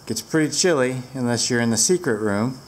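A woman's voice: rumbling low, animated, brisk. A woman giving a casual, rambling product review with fillers, filmed on a handheld camera inside a large barn with the door open to the wind.

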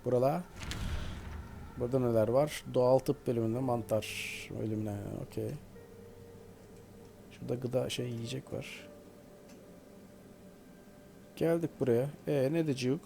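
A man giving casual, joking commentary over his own gameplay, often talking to the characters on screen. His voice sits at an ordinary middle pitch, with a faint hiss in the background. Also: measured pace, creaky, long pauses, warm tone. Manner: playful, joking, talks to the game. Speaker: gaming video host. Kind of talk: casual let's-play commentary.

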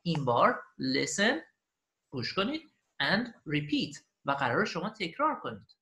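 A man teaching English beginners in a recorded online lesson, repeating each phrase slowly after the audio and then explaining it at length. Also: a little high, wildly swooping pitch, bright, forceful tone.

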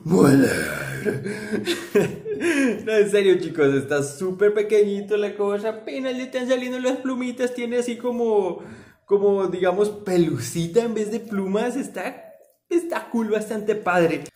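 High-voiced playful man. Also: moderate pace, a little mellow. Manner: playful, chatty, jokey. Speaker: vlogger. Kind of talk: casual vlog talk to viewers. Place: at home during quarantine. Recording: echoey room.

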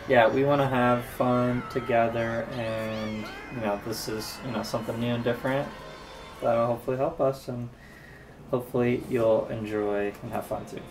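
A man co-hosting a let's play, speaking in an easygoing, hesitant way with halting phrases, at home. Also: mid-range voice, flat delivery. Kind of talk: casual gameplay chat. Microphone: desk microphone. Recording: voice set back from mic. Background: game music.

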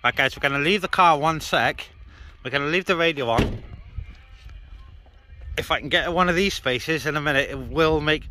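His fairly high voice is pushed and bright, moving at a normal speed broken by long pauses. The British man chats casually over CB radio and for his vlog from a car parked on an open moorland car park, with faint background noise.

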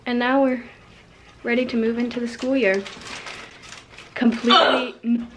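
Young woman vlogging, kinda high voice, giggles a lot, noisy room behind. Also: little pitch movement, moderate pace, a bit bright. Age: young adult. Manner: giggly, chatty. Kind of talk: casual vlog chat.

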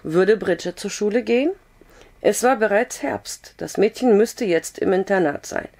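A hoarse woman calmly reading a novel aloud, with a steady storytelling tone and the odd slip of the tongue. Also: medium pitch, normal speed. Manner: calm, steady storytelling with occasional slips. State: hoarse with a cough. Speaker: audiobook reader.

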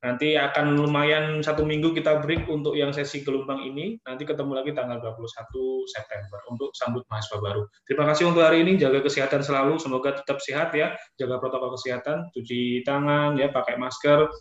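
A man hosting an online session, speaking casually and warmly to participants over a video call. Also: medium pitch, steady tone, quick pace, few pauses. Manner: friendly, mixes in Javanese phrases. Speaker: online event host. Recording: echoey, muffled video call audio.

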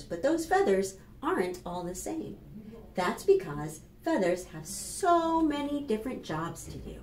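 A woman in her fifties, a children's librarian with an American accent, runs a preschool storytime of read-alouds and rhymes in a mid-range voice. Expressively and instructively, she keeps asking the young children questions. The setting is a small plain room indoors, recorded with roomy echo and clear background noise.

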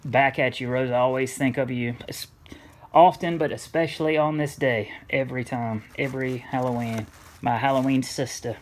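A man casually chatting as he unboxes a gift at home, rambling and swearing freely, often breaking into excitement. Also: medium pitch, moderate pace. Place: home room.

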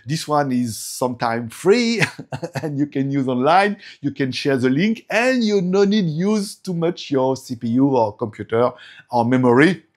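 A French man in his forties, a native French speaker with a French accent, reviews tech at home in casual, broken English. His voice is medium-pitched with lively intonation and a measured pace, and he laughs often.

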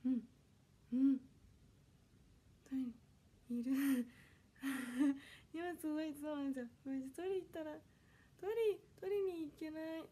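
A woman's voice: sits high, measured pace, long pauses, mellow. A woman of twenty from Kanagawa chatting politely on a solo livestream from home, reading viewer comments aloud and apologizing often. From Kanagawa, Japan. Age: 20s. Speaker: idol audition livestreamer. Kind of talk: casual solo livestream chat. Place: her home, indoors.

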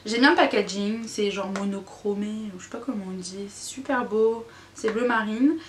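A woman's voice: mid-range voice, normal speed. A woman beauty vlogger giving a casual, candid makeup review, chatty and full of fillers and groaning exclamations. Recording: echoey room, faint noise.

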